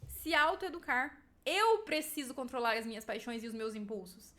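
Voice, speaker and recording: A woman's voice: on the high side, moderate pace, sharp tone. A woman in her thirties with a Brazilian Portuguese accent, talking emphatically at home about motherhood and asking rhetorical questions. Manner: emphatic, asks rhetorical questions, often adds "entende?". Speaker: mother giving parenting advice. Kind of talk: casual talk to camera.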